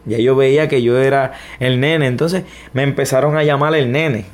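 A man's voice: mid-range voice, steady tone, moderate pace. A man with a Puerto Rican accent, a guest giving his personal testimony in an interview, speaking reflectively with many restarts and fillers. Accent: Puerto Rican Spanish. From Puerto Rico.

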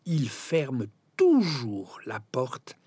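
A man reading a children's fairy tale aloud, very expressive, and now and then speaking straight to his listeners. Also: mid-range voice, extremely slow, husky, no room sound. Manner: expressive, addresses listeners directly. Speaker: storyteller.

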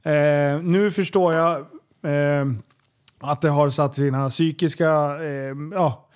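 Man, higher-pitched, animated storyteller who swears and laughs a lot on a casual podcast. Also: clean tone.

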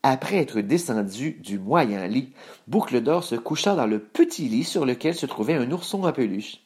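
A man reading a children's story aloud in a measured, expressive way. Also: mid-range voice.

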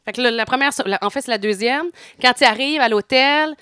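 A middle-aged woman with a Quebec French accent tells a long story as a podcast co-host. Her voice is bright and crisp, and she laughs easily as she talks. The sound is close and dry. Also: high-pitched, a little fast, dry recording. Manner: animated storyteller, laughs often. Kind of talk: casual chat.

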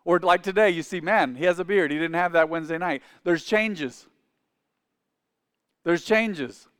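An unhurried pastor in his forties, with a smooth, fairly bright voice on the high side, asks his congregation to echo phrases after him. His sermon in the church sanctuary carries the long reverb of a large hall.

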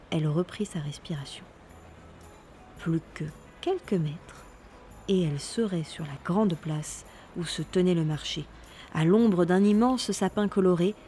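A woman narrating a Christmas storybook with lively, playful delivery and little sound words. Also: on the low side.

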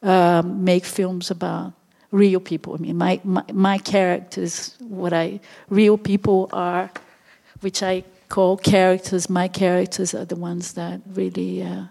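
Brazilian woman with a gravelly, flat voice. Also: lowish voice. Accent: Brazilian Portuguese. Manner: halting, searching for words with many pauses. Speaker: documentary filmmaker, interview guest. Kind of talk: unscripted interview answers.

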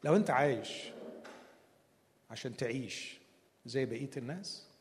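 A man's voice: mid-range voice, expressive, normal speed, in a large hall, a little hiss or hum. A man with an Egyptian accent preaching a humorous, conversational sermon at a conference. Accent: Egyptian Arabic.

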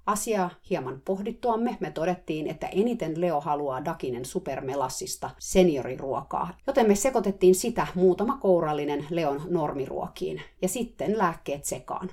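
A woman's voice: low voice, animated, hardly any pauses, darkish tone. A woman telling a diary-style story in a wry, matter-of-fact way. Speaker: narrator.

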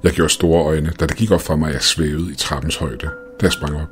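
A man reads a first-person ghost story in a calm, measured way. His voice sits extremely low, and quiet music runs underneath. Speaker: narrator. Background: faint music.

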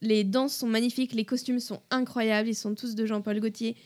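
A woman's voice: on the high side, little pitch movement, brisk, darkish tone. A woman guest on a radio chat show, easygoing and often laughing. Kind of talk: casual chat.

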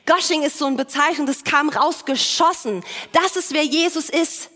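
High-voiced woman preaching in a reverberant hall. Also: normal speed, sharp tone. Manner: emphatic preaching with repeated phrases and occasional restarts. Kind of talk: sermon.

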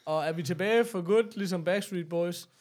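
A man with a fairly high voice and a Danish accent, hosting a loose podcast chat. He is jokey and teasing, swears mildly and slips in English phrases. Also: darkish tone. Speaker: podcast host. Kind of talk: casual chat.

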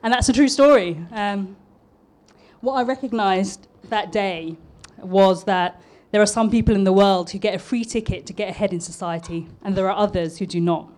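With a polished southern English accent, a woman in her thirties from East London gives a prepared public talk in her role as an architect and speaker. Her mid-range voice is a touch mellow and runs at normal speed, and her earnest, slightly nervous delivery includes small restarts.

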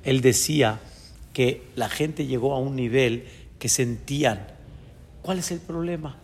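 Man, Mexican accent, rabbi teaching a Torah class, gravelly voice, lively, long hall reverb. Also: medium pitch, measured pace. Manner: lively, acts out people's thoughts, chuckles often. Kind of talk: Torah lesson on a biblical book.

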